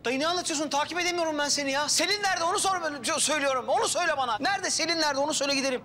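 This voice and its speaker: A man's voice: extremely high pitch, very fast, pushed and bright, a little hiss or hum. A man in a TV comedy who speaks impatiently and pushily. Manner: impatient, pushy. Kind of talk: TV comedy acting.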